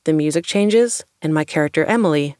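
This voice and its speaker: A woman's voice: deep voice, brisk. A woman in her thirties hosting a podcast, mixing scripted narration with casual talk. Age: 30s. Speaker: podcast host.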